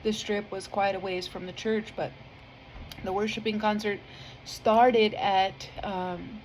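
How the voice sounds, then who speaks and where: A woman's voice: mid-range voice, fairly even intonation, slow pace, slight background noise, rough recording. A woman with a family, giving a casual spoken testimony about her faith in an earnest, rambling way, full of fillers and easily moved to tears. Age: adult with a family. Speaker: vlogger sharing a faith testimony.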